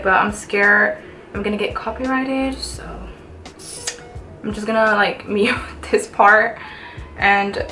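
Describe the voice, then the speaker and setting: With a fairly high pitch and a fairly bright tone, a woman in her early twenties gives a chatty makeup tutorial, thinking out loud along the way. She is a beauty vlogger, recorded with roomy echo and background music.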